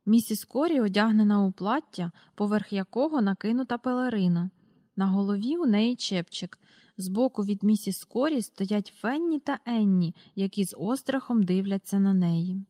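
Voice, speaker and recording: A woman's voice: medium pitch, moderate pace, mellow, dry recording, studio quality. Woman reading a children's book aloud. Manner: reads out page numbers and describes the pictures. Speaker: reader.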